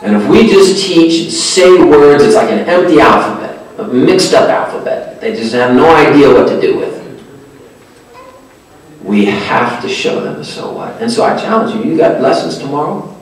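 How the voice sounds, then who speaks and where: A man's voice: fairly high pitch, moderate pace. Man preaching in an echoing hall. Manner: animated, self-deprecating, acts out dialogue. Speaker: speaker addressing religious teachers. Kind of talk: storytelling sermon. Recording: echoey hall from far off, faint noise.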